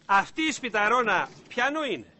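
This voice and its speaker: An actor playing a nosy, jovial visitor from the countryside who quizzes a stranger in a sitcom. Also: male voice, high-pitched, very animated, background noise. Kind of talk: sitcom acting.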